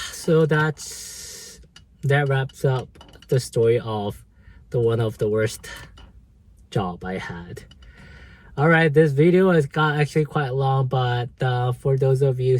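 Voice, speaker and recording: A man casually telling a story from an old job to his viewers, full of fillers, restarts and "right?". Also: medium pitch. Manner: rambling, many fillers and restarts. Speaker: vlogger.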